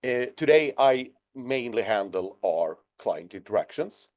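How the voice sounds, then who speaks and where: A man hosting a business webinar over a video call, chatty and self-deprecating in a relaxed way. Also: mid-range voice, measured pace. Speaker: webinar host.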